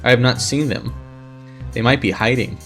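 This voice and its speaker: Man doing a small alien recruit: childlike, eager, slow and halting broken English, faint music bed. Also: medium pitch, fairly even intonation, a bit bright, natural voice. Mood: earnest.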